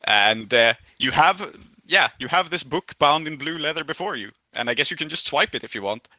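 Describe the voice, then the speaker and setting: A man with a very bright, forward voice runs a tabletop game, explaining rules and describing scenes in a relaxed, chatty way. His voice sounds dry and close, with no room around it, on a slightly dull, lo-fi mic. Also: fairly high pitch, normal speed, no room sound. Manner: casual, explanatory. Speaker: game master.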